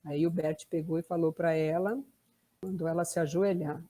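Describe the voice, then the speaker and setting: This woman, a family constellation therapist with a Brazilian Portuguese accent, explains a case conversationally, often adding tag questions. Her voice is lowish and mellow, with fairly even intonation at a moderate pace.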